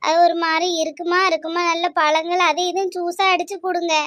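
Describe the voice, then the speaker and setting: A woman's voice: very high voice, little pitch movement, brisk, fairly bright tone, no echo, studio quality. A woman voicing a caring young woman who coaxes and reassures. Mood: reassuring. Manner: coaxing and reassuring.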